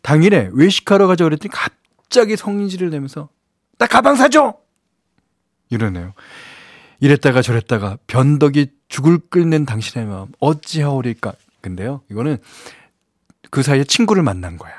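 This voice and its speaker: A man's voice: a little high, lively intonation, fairly quick, a little mellow, no echo, clean studio sound. A man hosting a radio show, reading listener messages in a chatty, conversational way with lots of affirming asides. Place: radio studio. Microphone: studio microphone, close and dry.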